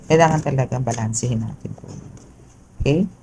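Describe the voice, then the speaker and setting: A woman with a low voice gives a relaxed, chatty tarot reading, moving freely between Tagalog and English and often tagging her sentences with little questions to the viewer. Steady background noise runs under the recording. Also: a little fast, rough recording. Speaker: tarot reader.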